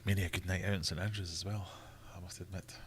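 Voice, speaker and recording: A Scottish man hosts a casual livestream, chatting, laughing often and reading viewer comments aloud. His low voice barely moves in pitch, and he talks fast over slight background noise.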